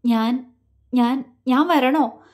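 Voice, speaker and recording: A woman's voice: high-pitched, a little slow. A woman voicing a heartbroken young woman in love, speaking in a faltering, tearful way.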